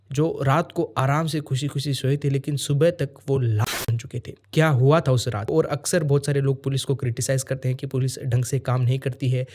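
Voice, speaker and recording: Guy narrating true crime, warm mellow voice, earnest, says things twice for emphasis. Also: mid-range voice. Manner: earnest, repeats phrases for emphasis. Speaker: true crime podcast host.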